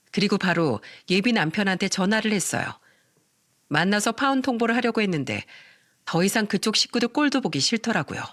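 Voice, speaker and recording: A woman narrating a first-person story in a steady, plain storytelling manner. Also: medium pitch, no echo, studio quality.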